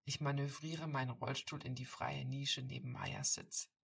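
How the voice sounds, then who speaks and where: Woman reading a story, low and kinda raspy, bright tone, mic far away. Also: steady tone, normal speed. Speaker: audiobook reader. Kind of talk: first-person story reading.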